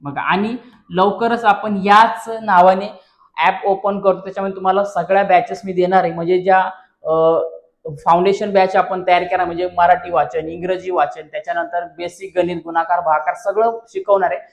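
A man's voice: sits high, fairly even intonation, normal speed, vocal fry. A male teacher walking students through an exam paper, constantly asking rhetorical questions and calling viewers his friends. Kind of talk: exam paper walkthrough lesson.

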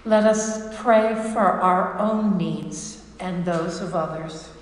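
A woman reading the prayers of the people aloud in church, measured and steady. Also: lowish voice. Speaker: lay reader leading prayers. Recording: echoey church with long reverb.

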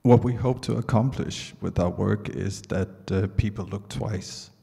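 A middle-aged Danish man presenting as an artist at a conference speaks on the low side, his voice mellow and gravelly and his delivery halting. It's a prepared stage talk given into a handheld mic in a large, reverberant indoor theatre.

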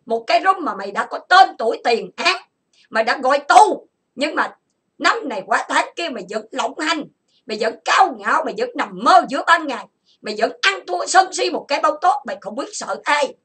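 A woman from Vietnam who hosts an online chat room, delivering an angry monologue full of insults and grievances, listed in rapid bursts. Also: high-pitched, very animated, fairly bright tone.

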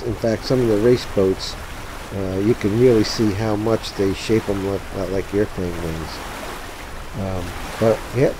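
A man with a mid-range voice gives an unscripted how-to commentary as a tutorial presenter over a sailing game, halting while he thinks aloud. Game sounds of boat and water play behind him, with steady sea and water noise.

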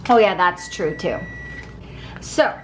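A woman's voice: lowish voice, animated, slow, a little hiss or hum. A woman in her thirties chatting upbeat to viewers as she preps food in her home kitchen, camera held at arm's length. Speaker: vlogger showing meal prep. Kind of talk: casual cooking vlog talk. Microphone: handheld camera at arm's length.

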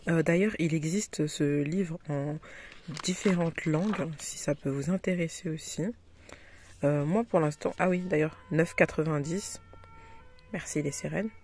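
A young woman in her twenties talks to her viewers in a relaxed, rambling vlog. She fills her sentences with hesitations, trails off and restarts, and keeps the tone light and informal. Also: low voice, breathy edge. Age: 20s. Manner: chatty, rambling, many fillers and restarts, laughs often. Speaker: vlogger. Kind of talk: casual vlog chat.

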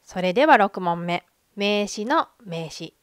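A woman, a native Japanese speaker, teaching Japanese grammar in a measured online lesson that mixes in English example phrases. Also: mid-range voice, expressive, dry recording, studio quality.

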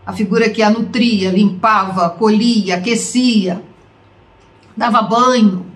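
A woman's voice: mid-range voice, fairly even intonation, unhurried. Brazilian woman teaching in a roomy echo. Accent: Brazilian Portuguese. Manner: conversational, addresses listener directly with rhetorical questions. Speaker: online course teacher. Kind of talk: spoken lecture to camera.

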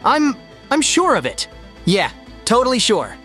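A man's voice: extremely high pitch, huge pitch swings, measured pace, loud music behind the voice, full character voice. A man voicing a cocky, casual young hedgehog hero in a comic dub, breezy and slangy. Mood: pensive.

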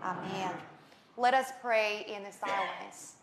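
A woman leading a liturgy of confession with a measured, solemn recitation, her voice echoing through a church sanctuary. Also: medium pitch. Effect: echoing church sanctuary reverb. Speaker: worship leader. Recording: echoey room with congregation noise.

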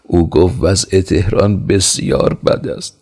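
A man's voice: low-pitched, fairly even intonation, creaky, a little mellow, pitched above the performer's own voice. A man voicing a terrified palace telephone chief who stammers, trembles and grovels before his king. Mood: stammering.

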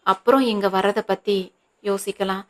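A woman's voice: medium pitch, steady tone, measured pace, lightly acted. A woman reading the part of an anxious grown son who pleads earnestly and firmly with his mother, in an audiobook. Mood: pleading.

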